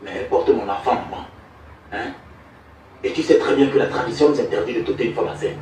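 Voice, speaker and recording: A man's voice: medium pitch, brisk, close to an everyday voice. A man playing a resentful son who argues with his mother. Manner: resentful, arguing. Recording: echoey, far off, noisy.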